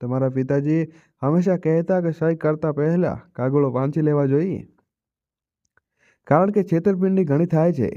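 A man voicing an elderly widowed mother who speaks softly and with quiet resignation, in a storybook reading. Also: on the high side, moderate pace, pauses often, lo-fi sound, natural voice. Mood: gentle sorrow.

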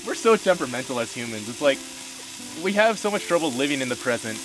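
A man's voice: medium pitch, big pitch swings, fast, music in the background. A young man joking playfully with friends at an outdoor campsite. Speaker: camper. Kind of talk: casual chat.

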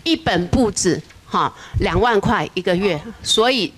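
A woman's voice: mid-range voice, lively intonation, a little slow, breathy edge. A woman police officer explaining things in a casual TV talk-show way, dropping frequent "ha" tag particles. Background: background music.

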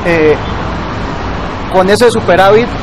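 A man in his thirties with a Colombian accent speaks earnestly and persuasively in an outdoor interview. His voice sits high for a man. Heavy street traffic rumbles loudly behind him. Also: slow. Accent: Colombian Spanish. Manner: earnest, persuasive, with some repeated filler words. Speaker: civic leader interviewee. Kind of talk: on-camera interview statement. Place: outdoors by a glass building.

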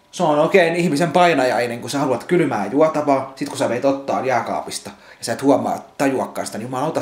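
A man's voice: fairly low pitch, a little mellow, roomy sound. A man vlogging from his home, ranting angrily about a burst bottle, swearing constantly and repeating himself. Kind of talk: angry rambling vlog rant. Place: at home indoors.

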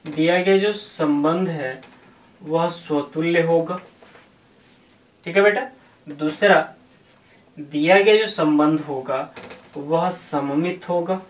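A man teaching a math lesson in a patient, explanatory way, calling his students "beta" and mixing English terms into his talk. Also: on the high side. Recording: echoey room.

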